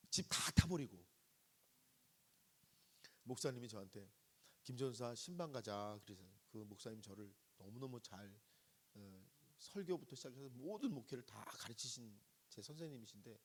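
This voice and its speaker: Lively storytelling Korean pastor. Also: male voice, mid-range voice. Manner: storytelling sermon, asks the congregation questions and acts out quoted voices. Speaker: guest pastor preaching at a revival service. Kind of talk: sermon.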